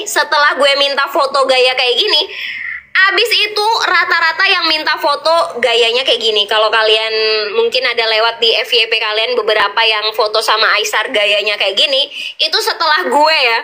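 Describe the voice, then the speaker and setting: A young woman, telling a story as a vlogger in a casual, excitable way and repeating herself often. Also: high voice.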